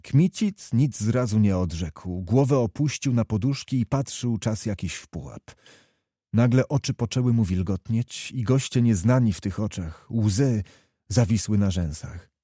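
A man narrating a classic novel as an audiobook, in a measured, even storytelling manner. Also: fairly low pitch, husky, no echo, clean studio sound. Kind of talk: scripted literary narration.

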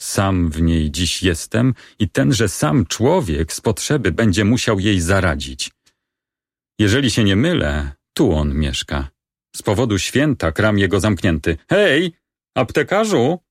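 A man reading the part of a young male lover in grim despair in a stage play, with slow, solemn delivery. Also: sits low, sing-song, no room sound, clean studio sound, exaggerated voice. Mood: brooding. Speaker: reader of a play.

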